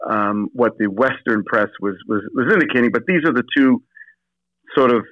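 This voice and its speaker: An assistant pastor calls in as an interview guest, his mid-range voice moving at a moderate pace with no room sound. He stumbles through many fillers and restarts, and the phone line is dull, lo-fi, and dry.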